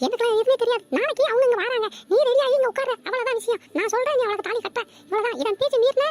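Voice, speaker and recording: Woman doing a bossy cartoon mother. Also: very high-pitched. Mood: angry. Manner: domineering, quick and scolding. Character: bossy middle-aged mother arranging son's wedding.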